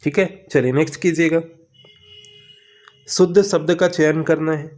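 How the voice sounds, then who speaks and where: A man teaching an exam preparation lesson, walking through questions with steady, repetitive coaching and frequent check-ins. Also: a little high, unhurried.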